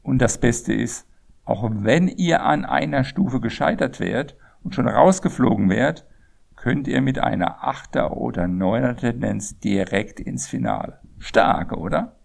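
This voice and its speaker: A man hosting a football betting game, explaining its rules deliberately in a scripted way. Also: mid-range voice, lively intonation, creaky.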